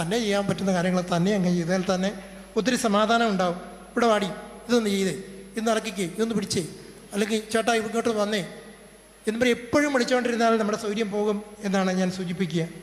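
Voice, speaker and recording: A middle-aged man, a priest with a Kerala Malayalam accent, gives a slow, measured sermon on family life and acts out everyday examples. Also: high-pitched. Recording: reverberant hall.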